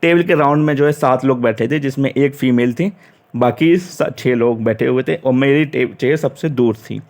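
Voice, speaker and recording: A man's voice: mid-range voice, moderate pace, darkish tone. A young man from Uttar Pradesh, chatty, recounting his job interview and retelling the dialogue with frequent restarts. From Uttar Pradesh, India. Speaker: interview candidate recounting experience. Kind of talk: casual storytelling.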